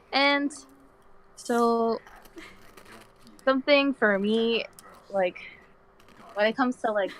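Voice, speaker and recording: A nineteen-year-old woman from the Dominican Republic, a young adult, chats casually as a guest on a live stream, rambling in slang and saying "like" constantly. Her voice is medium in pitch, and the recording quality is low.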